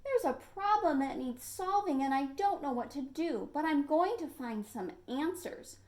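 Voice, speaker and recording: Woman reading as Mister Fish, earnest and high-pitched. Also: animated, moderate pace, a little mellow. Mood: rallying. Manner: earnest, rallying, singsong rhyme. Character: earnest, rallying male cartoon fish, problem-solver.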